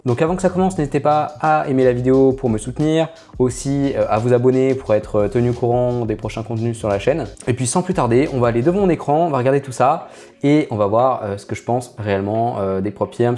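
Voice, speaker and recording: Homme français hésitant, voix sombre. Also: male voice, mid-range voice, dark tone. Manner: hesitant, full of filler "euh"; chatty, addresses viewers directly. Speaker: trading channel host. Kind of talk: casual screen-share commentary.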